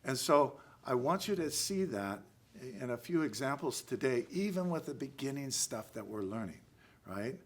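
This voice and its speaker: An American man speaking as a karate instructor in a halting lecture, often pausing to check in with "right?". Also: mid-range voice, very animated. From United States. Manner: halting, with pauses and frequent "right?" check-ins. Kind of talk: spoken class lecture.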